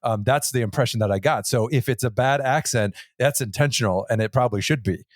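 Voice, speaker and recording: A man's voice: mid-range voice, a little fast, no echo, clean studio sound. A man chatting casually on a podcast, wry and playful with words. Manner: wry, playful wordplay, chuckling. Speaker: podcast co-host. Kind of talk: casual chat.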